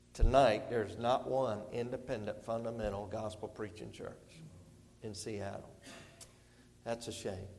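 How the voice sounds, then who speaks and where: Folksy Southern preacher in a reverberant hall. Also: male voice, medium pitch, a little mellow. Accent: North Carolina Southern. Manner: folksy, rambling, full of "and, uh" fillers. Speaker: visiting preacher. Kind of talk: sermon. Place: church sanctuary.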